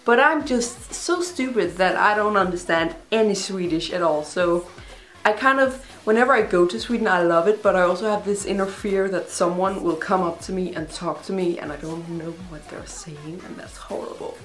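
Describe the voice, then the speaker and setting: In her casual Q&A vlog, a young native Danish speaker with a Danish accent responds to viewers in a lowish voice at a moderate pace. Chatty, rambling and self-deprecating, she's heard with a roomy echo and faint background music.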